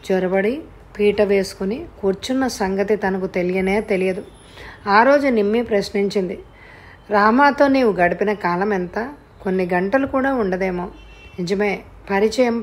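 A woman narrating an audio novel in a slow, measured reading. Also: mid-range voice, a little mellow.

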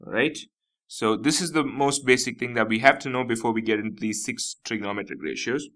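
Bright-voiced Indian English math teacher. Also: male voice, medium pitch, fairly quick. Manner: explanatory, repeats key terms, frequent "nothing but" and "you know". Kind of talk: whiteboard math lesson.

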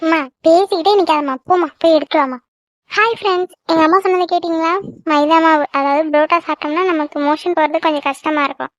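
A woman voicing a cheeky teenage village daughter in a cartoon, talking back quickly with a whiny, sassy manner. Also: very high voice, fairly even intonation, dry recording, studio quality. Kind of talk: cartoon voice acting.

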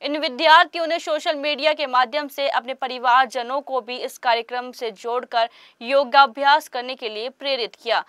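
A woman narrating a news report in a formal, even voice-over. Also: high-pitched, normal speed, clean tone, dry recording, clean studio sound.

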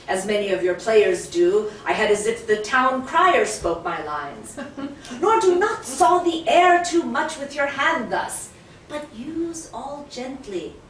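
A woman reciting the role of Hamlet, a young prince earnestly coaching actors, in measured, declamatory verse that often drops to a hush. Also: fairly high pitch, a little hiss or hum. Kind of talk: Shakespeare stage recitation. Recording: very echoey room, distant mic.

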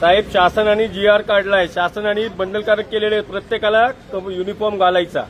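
A man's voice: sits high, level tone, a little fast, slight background noise. A man, a citizen activist, aggressively interrogating officials and repeating his demands while filming on his phone outdoors. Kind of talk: heated street confrontation. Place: outdoors on a busy street. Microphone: phone camera filming live.

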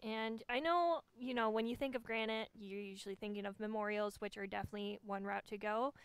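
A young woman co-hosting a workshop, demonstrating software in an easygoing, self-deprecating way with lots of ums. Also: medium pitch, steady tone, brisk, smooth, no room sound. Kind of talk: casual instructional talk.

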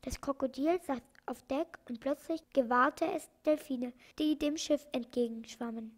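A woman narrating a children's audiobook in a calm, clear read-aloud manner. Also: high-pitched, measured pace. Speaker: audiobook reader.

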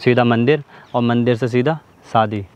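A man's voice: medium pitch, fairly even intonation, moderate pace. A young man in a staged vlog argument, pleading and insisting, swinging from coaxing to raised voice, with faint traffic noise outdoors. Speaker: vlogger. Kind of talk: staged couple-prank vlog, pleading and scolding.

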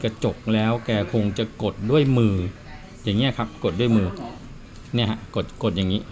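A man's voice: fairly low pitch, moderate pace, crowd noise. A man who repairs watches, talking casually and telling stories in a plain, chatty way while he works. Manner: chatty storyteller, plain spoken. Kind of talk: casual explanatory chat.

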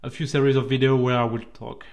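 Narrating his own train trip report, a French-accented railway vlogger, a native French speaker, talks in a relaxed, chatty way that sometimes turns slightly halting. His voice is mid-range with some vocal fry.

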